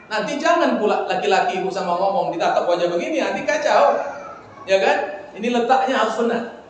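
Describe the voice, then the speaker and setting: High-voiced preacher in an echoey hall. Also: male voice, animated, a little fast. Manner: playful, acts out greetings, jokes with the audience. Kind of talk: lively mosque sermon with demonstrations. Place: large mosque hall. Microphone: far front-facing phone camera. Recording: echoey hall, distant mic, faint noise.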